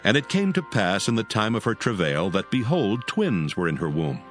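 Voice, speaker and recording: Low-voiced man narrating scripture over music. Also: big pitch swings, moderate pace, fairly bright tone.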